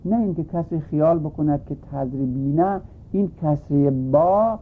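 A man's voice: on the high side, slight background noise. Man teaching over a tinny line. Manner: patient, repeats and rephrases points. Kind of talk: lecture explaining a grammar text. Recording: tinny phone-like recording.

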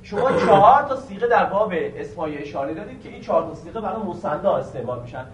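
A man teaching a grammar lesson, quizzing the students with questions and slowly stretching out key words. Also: high-pitched, animated, distant mic, a little hiss or hum. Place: classroom. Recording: echoey room recorded from afar.

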